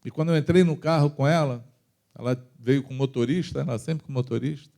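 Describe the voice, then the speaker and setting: A man with a Brazilian accent preaching a testimony in church, moving between loud and soft passages as he tells his story. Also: mid-range voice, a little fast, creaky. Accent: Brazilian Portuguese. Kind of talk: sermon testimony.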